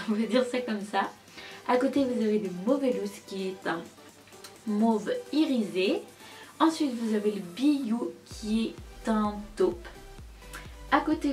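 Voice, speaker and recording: Reviewing a makeup palette for her channel, this young beauty vlogger sounds a little high with a darkish tone. Her style is casual and excited, and she frequently repeats words to stress them.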